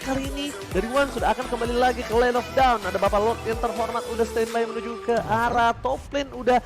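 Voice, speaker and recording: Male Indonesian esports commentator, fighting game announcer style, very high voice, rapid delivery, dramatic hype. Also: fairly even intonation. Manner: hyped, dramatic calls with drawn-out shouted exclamations. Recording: music behind the voice.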